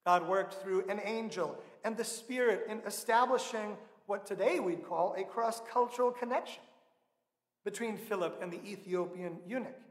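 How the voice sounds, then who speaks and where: A man in his thirties preaching a sermon from a church pulpit, measured and earnest, leaning on slow emphatic stresses. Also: high voice. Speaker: pastor. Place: large church sanctuary, indoors. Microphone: pulpit microphone. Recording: echoey church with long reverb.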